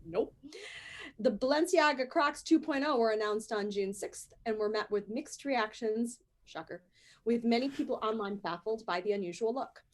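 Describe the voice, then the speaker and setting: A woman's voice: on the high side, normal speed. A woman co-hosting a casual podcast, reading a news story aloud and ranting playfully. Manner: playful, ranting, laughs often. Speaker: podcast co-host.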